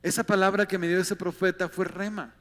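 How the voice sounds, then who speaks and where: A man's voice: sits high, level tone, a little fast, a bit bright, big-room sound. A man with a Mexican accent preaching a sermon as a pastor, talking conversationally and often asking his listeners rhetorical questions.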